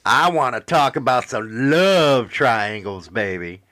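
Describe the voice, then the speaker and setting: A man's voice: medium pitch, animated, slow pace, bright, forceful tone. A man hosting a podcast in casual banter, teasing and profane. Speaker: podcast host.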